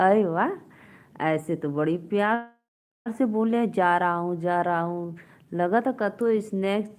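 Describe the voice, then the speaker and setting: A woman's voice: fairly low pitch, a little mellow. A woman with an Awadhi accent hosting a casual live stream from a phone, reading out viewer comments and bantering playfully with them.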